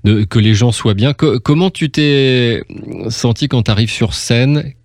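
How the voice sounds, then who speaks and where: A man's voice: mid-range voice, measured pace, darkish tone, dry recording, clean studio sound. A male host running a casual interview in a chatty, upbeat way, often repeating himself. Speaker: radio host.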